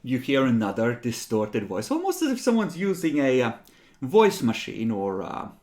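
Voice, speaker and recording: A man's voice: medium pitch, wildly swooping pitch, normal speed, darkish tone. A man working as game master, narrating a tabletop game off the cuff in an amused way.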